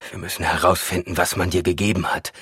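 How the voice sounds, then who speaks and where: A man's voice: sits low, flat delivery, fast talker, fairly bright tone, husky, no echo, studio quality, heavily acted. A man reading an audiobook aloud, voicing a shaken husband who asks clipped, urgent questions.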